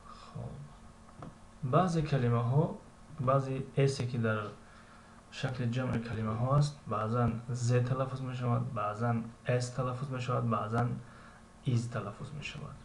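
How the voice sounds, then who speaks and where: A man with a Tajik accent teaching English, reading English lines slowly and explaining them with frequent hesitations. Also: mid-range voice, fairly even intonation. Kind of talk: recorded language lesson. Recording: echoey room with faint ambient noise.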